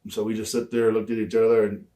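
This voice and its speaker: A man's voice: on the low side, little pitch movement, quick pace, dark tone. Man telling a wrestling-days story offhandedly. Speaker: former pro wrestler as interview guest. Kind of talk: casual anecdote in an interview.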